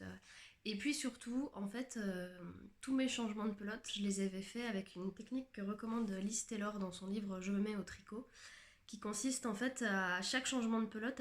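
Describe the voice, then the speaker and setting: A woman's voice: medium pitch, normal speed. A woman hosting a knitting podcast, chatting casually to the camera, hesitant and full of fillers and restarts, with a self-mocking touch. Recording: echoey room.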